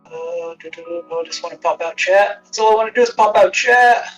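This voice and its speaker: This man's high-pitched voice moves fairly quickly as he rambles on a casual live stream, cursing, poking fun at himself and frequently muttering under his breath. He's far from the mic, a phone used as a wireless webcam mic that gives a boxy speakerphone tone as if he's in a box. Faint music plays in the background.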